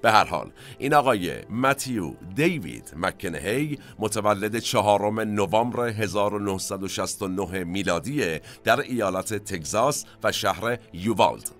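Guy hosting a film history podcast, chatty storyteller, lowish voice, bit of music under him. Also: a bit bright. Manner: conversational storytelling with asides to listeners. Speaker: podcast host. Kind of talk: narrated cinema history podcast.

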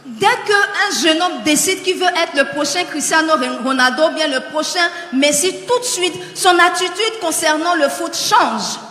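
A man giving live interpretation of a sermon in a large church hall, repeating each line after the preacher. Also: extremely high pitch. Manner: quick, bright, repeats the preacher's lines. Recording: roomy echo with long reverb.

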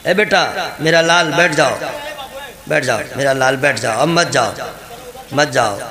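A man preaching a lively, humorous sermon to a gathering, addressing the crowd directly. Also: medium pitch, unhurried, roomy sound.

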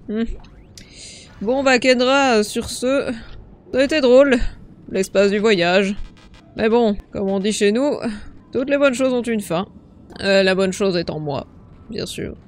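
A man's voice: sits high, slow pace, pauses often, soft background music. A man giving comedic in-character commentary on a horror game playthrough, sarcastic, crude and boastful. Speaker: gamer narrating a parody playthrough in character.

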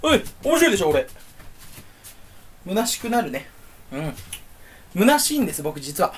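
Young man, solo home vlog, goofy and self-mocking, lively pitch. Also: moderate pace, a little hiss or hum. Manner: goofy, rambling, teases himself. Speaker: YouTuber. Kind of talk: solo casual chat to camera. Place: room at home, standing.

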